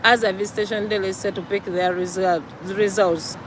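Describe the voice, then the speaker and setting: A woman's voice: medium pitch, fairly even intonation, moderate pace, a little hiss or hum, rough recording. A Ugandan woman with a Ugandan accent gives an earnest, preachy vlog monologue, repeating her points for emphasis. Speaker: vlogger.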